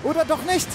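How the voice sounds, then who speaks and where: A young man giving excitable live commentary on a game he is playing, rapidly repeating words and mixing in English slang. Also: very high voice, noisy background. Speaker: let's player. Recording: game music behind.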